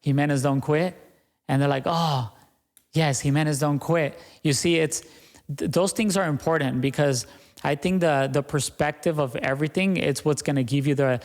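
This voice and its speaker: A man's voice: on the high side, normal speed, darkish tone. Earnest young man, reverberant room. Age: young adult. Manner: earnest, repeats "right?" and "you know". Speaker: guest, business owner. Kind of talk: podcast interview.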